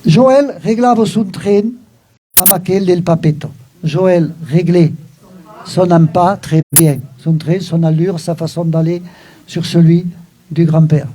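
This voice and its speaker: An older man teaching Occitan, explaining a text with lively emphasis and frequent asides to his listeners. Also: on the high side. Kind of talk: explaining a text in a recorded talk.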